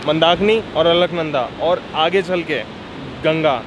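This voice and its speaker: Excitable young man vlogging by a river. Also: on the high side, unhurried, noisy background. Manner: chatty, excitable, often laughing along. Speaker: travel vlogger. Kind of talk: casual on-the-go vlog chat. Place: outdoors by a mountain river and waterfall. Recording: outdoor vlog with loud river rush.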